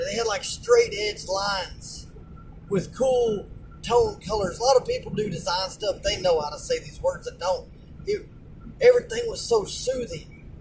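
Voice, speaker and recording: Casual male trucker ranting, high and gravelly, stammering restarts; distant mic, noisy background. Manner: rambling, repeats words and restarts, colloquial. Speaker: truck driver. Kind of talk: casual storytelling rant.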